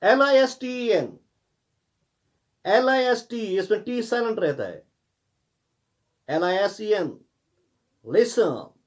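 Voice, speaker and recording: Male teacher, high-pitched voice, spells out words slowly letter by letter in a classroom lesson. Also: lively intonation. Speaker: English teacher.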